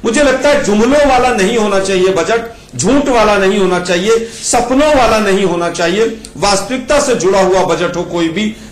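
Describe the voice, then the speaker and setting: A male party spokesperson debating on a TV panel, his voice carrying a heavy cave-like echo from a remote line. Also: high-pitched. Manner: measured, critical debating. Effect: heavy cave-like echo on his feed. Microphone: remote connection into studio.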